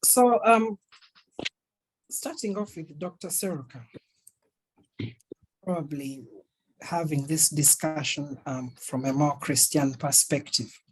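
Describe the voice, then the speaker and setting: Man, panel moderator, hesitant, lots of fillers, slow speech, husky voice. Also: fairly high pitch, low-quality recording.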